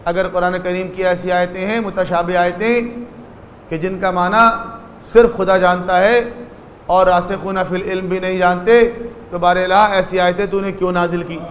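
A man's voice: sits high, little pitch movement, in a large hall, slight background noise. A man giving a religious lecture, explaining step by step and acting out short dialogues in his stories.

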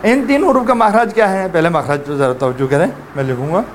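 A man's voice: a little high, slight background noise. A man teaching Quran letter pronunciation in a classroom, drilling sounds aloud and coaxing students to repeat. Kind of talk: classroom tajweed lesson.

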